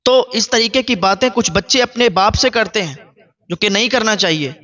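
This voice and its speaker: A man's voice: high-pitched, pushed and bright. A man preaching a sermon, telling a moral story and urging listeners earnestly with repeated phrases. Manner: repetitive, earnest moral exhortation. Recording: dull, muffled recording.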